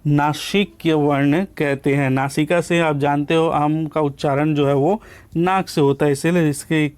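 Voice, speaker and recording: Smooth-voiced man teaching, flat delivery. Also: a little high, measured pace. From India. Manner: asks questions and answers them himself, repeats "ठीक है". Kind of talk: classroom lecture.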